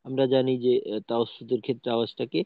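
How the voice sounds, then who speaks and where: A man's voice: mid-range voice, level tone, very fast, vocal fry, no echo. A man teaching Quran pronunciation in an online lesson, explaining patiently and demonstrating sounds. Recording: dry, tinny phone-like audio.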